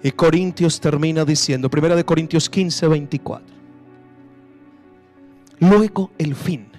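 A man pastor preaching a sermon, dropping to hushed, slow phrases and then rising to shouted bursts. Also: fairly high pitch, soft background music.

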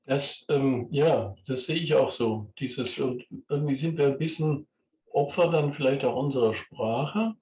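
A man hosts a reflective podcast conversation, talking slowly and hesitantly with frequent filler sounds. He is set back from the microphone in a roomy, echoing space, with a faint hiss of noise underneath. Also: mid-range voice, darkish tone. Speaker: podcast host. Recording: roomy, distant mic, faint background noise.

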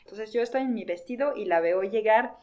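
A woman's voice: medium pitch, fairly quick. Young woman telling a pageant story. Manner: lively, quotes herself and others in acted voices. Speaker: former pageant contestant. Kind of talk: casual personal storytelling.

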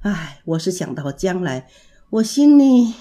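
A woman's voice: on the high side, very animated, normal speed, warm tone. A woman voicing the Stone Monkey, a proud and clever young male monkey king, in a children's storybook reading. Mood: sorrowful.

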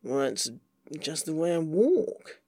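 A woman's voice: sits low, very animated, slow pace, darkish tone, no echo, studio quality, full character voice. A woman voicing a sardonic, weary man who grumbles and deflects. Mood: sarcastic. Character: sardonic weary man swearing under his breath.

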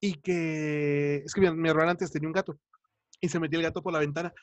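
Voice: medium pitch, steady tone, quick pace, dry recording. A speaker with a Mexican Spanish accent, telling crude, slangy anecdotes in a casual chat.

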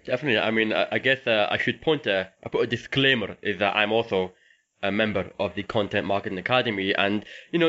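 A man's voice: on the low side, fairly bright tone, muffled recording. A man hosting a casual interview podcast in a conversational way. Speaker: podcast host.

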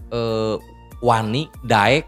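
A man's voice: fairly low pitch, drawn-out words, soft background music. A man with a Sundanese accent, a guest on a casual podcast, explaining patiently with examples and chuckling often. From Garut, West Java.

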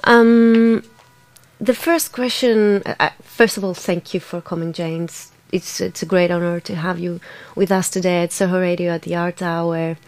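A woman's voice: on the low side, steady tone, normal speed, no room sound. Non-native woman radio host, hesitant. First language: not English. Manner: hesitant, formal, searching for words. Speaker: radio show host, interviewer. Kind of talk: radio interview questions. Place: radio studio.

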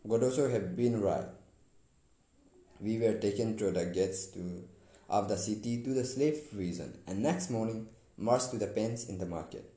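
Dark-voiced man reading a story. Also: on the low side, reverberant, low-quality recording. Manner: deliberate reading with small stumbles. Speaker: narrator. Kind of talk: first-person story reading.

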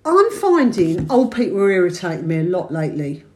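A woman's voice: fairly low pitch, very animated, fairly quick, darkish tone. An older woman, a mother co-hosting a casual chat, who giggles, swears freely and mimics people in squealing voices. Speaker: podcast co-host, mother.

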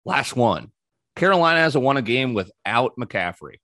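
A man's voice: mid-range voice, big pitch swings, moderate pace, bright, forceful tone, no room sound, clean studio sound. A man hosting a sports betting podcast, running through picks in a casual, opinionated way with frequent ums.

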